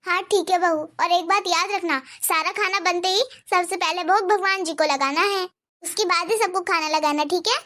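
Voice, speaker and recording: A woman voicing a calm, wise, firm older mother-in-law in a cartoon, speaking in a steady, advising tone. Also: very high voice, normal speed. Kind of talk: cartoon dubbing.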